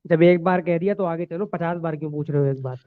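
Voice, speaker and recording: Combative cleric man, muffled call audio. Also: fairly high pitch. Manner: combative, cites Arabic rules, dismissive. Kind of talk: heated online debate.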